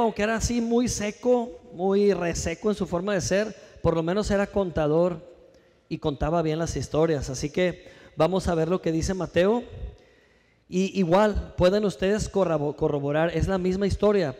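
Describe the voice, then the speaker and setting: A male pastor preaching a sermon in a church, with lively rhetorical questions and calls for the congregation to answer. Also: high voice, long reverb tail.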